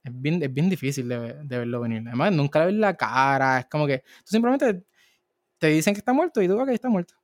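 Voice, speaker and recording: Recorded in a clean studio with no echo, a man co-hosting a laid-back movie podcast speaks fairly quickly and expressively in a fairly high voice. He keeps restarting his stories and drifting off into asides.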